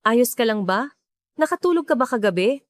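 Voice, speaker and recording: A woman voicing a calm, protective bookstore owner confiding his regrets. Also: on the high side, normal speed, no echo, lightly acted. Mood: caring. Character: gentle grieving bookstore owner, middle-aged man.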